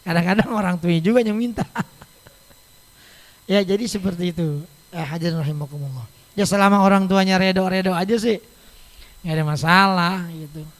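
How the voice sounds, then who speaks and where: A middle-aged man giving an informal religious lecture in a mosque, chatty and joking, acting out quoted voices. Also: high voice. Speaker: preacher. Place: large mosque hall. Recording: long mosque hall reverb.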